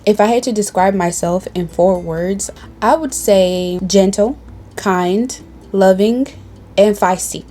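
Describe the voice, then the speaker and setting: A woman's voice: mid-range voice, takes it slowly, mellow, slight background noise. A young woman from Tanzania chatting casually to camera in a get-to-know-me video, bold, playful and sassy. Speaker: beauty vlogger. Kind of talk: casual sit-down chat to camera. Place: indoors at home, reading from a tablet.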